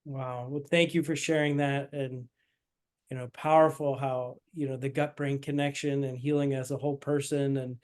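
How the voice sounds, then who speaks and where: Flat-voiced hesitant male interviewer. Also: medium pitch, moderate pace. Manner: hesitant, filler-heavy, gentle prompting. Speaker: naturopathic doctor hosting the interview. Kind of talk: interview questions.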